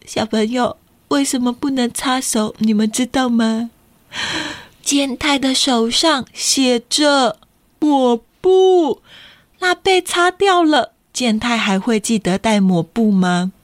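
Taiwanese-accented woman storyteller, high voice, dry close recording, animated kids' reading. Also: no room sound. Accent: Taiwanese Mandarin. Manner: animated, questioning the children. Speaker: children's storyteller. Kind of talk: picture-book reading to children.

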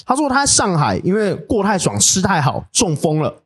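Taiwanese guy talking fast n husky, pitch jumps all over, swears a lot while telling a story. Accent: Taiwanese Mandarin. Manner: animated, crude storytelling with lots of swearing. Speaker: podcast host telling a story. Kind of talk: casual chat.

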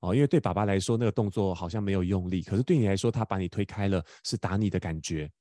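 Guy in his 30s hosting a podcast, low voice, dry close sound, keeps stumbling over words. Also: mellow, no room sound. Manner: fast, stammering restarts, laughs often. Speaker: podcast host. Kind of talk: casual storytelling chat.

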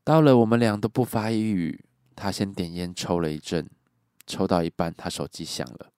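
Low-voiced man telling a creepy story. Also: moderate pace, mellow, clear, resonant tone, dry recording, clean studio sound. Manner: blunt, swears casually. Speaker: podcast host and storyteller.

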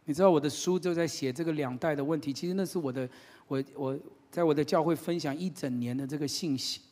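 A man's voice: on the high side, fast, a little mellow. A male pastor preaching a sermon, telling stories with humor and emphatic, repetitive lines.

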